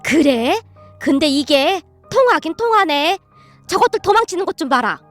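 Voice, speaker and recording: A woman's voice: extremely high pitch, sing-song, moderate pace, faint music behind. A woman voicing a timid middle-aged mother-in-law who earnestly practices sounding fierce. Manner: eager, earnest, practiced shouting.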